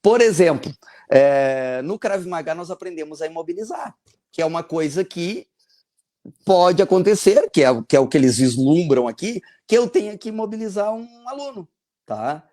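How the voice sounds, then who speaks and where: A man, a teacher hosting a podcast, talking casually and tagging his points with quick checks for agreement. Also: high-pitched, animated, dark tone. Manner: conversational, frequent "tá?" tags. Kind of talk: casual discussion.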